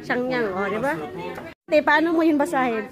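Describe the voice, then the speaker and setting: A woman's voice: sits high, lively intonation, moderate pace. A woman vlogging casually from a busy restaurant on a phone camera, playful and teasing with a laugh in her voice. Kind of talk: casual vlog chat. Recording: loud crowd noise around. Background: crowd chatter.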